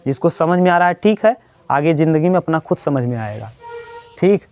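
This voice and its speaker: A man's voice: fairly high pitch, animated, normal speed, a little mellow, faint music behind. A male coaching teacher giving his students an earnest pep talk in the middle of a maths lesson, repeating his points and answering his own questions. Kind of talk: motivational talk to students during a maths class. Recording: dry, dull lo-fi sound.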